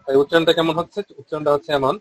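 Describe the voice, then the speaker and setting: Bengali-accented male teacher, fairly high voice, chants syllables slowly and steadily, dry close sound. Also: flat delivery, no echo, rough recording. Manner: explains quickly, then chants syllables slowly and drawn out. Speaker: Vedic recitation teacher. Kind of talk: online pronunciation lesson.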